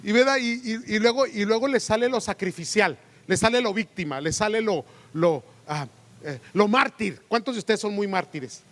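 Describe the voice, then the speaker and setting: High-voiced pastor preaching in a hall. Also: male voice, moderate pace. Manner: animated preaching with rhetorical questions. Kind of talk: sermon. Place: church sanctuary. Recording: long church hall reverb.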